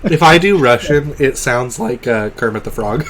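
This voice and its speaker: A man co-hosting a casual podcast, talking excitedly with swearing and laughter. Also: medium pitch, normal speed, a little hiss or hum. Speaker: podcast co-host. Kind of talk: casual chat.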